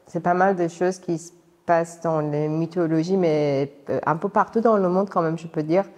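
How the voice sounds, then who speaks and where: A woman's voice: fairly low pitch, steady tone, moderate pace, darkish tone. A woman in her thirties from Iran, speaking as an artist being interviewed, hesitant and searching for words. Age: 30s. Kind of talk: casual interview. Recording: reverberant hall.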